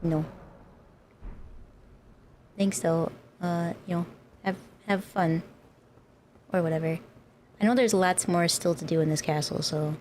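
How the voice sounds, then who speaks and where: A woman's voice: fairly low pitch, fairly even intonation, a little slow, long pauses, darkish tone, slight background noise. A woman livestreamer chatting casually while she plays a game, with a playful, cute anime-streamer manner. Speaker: livestreamer, VTuber host. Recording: music playing behind the voice.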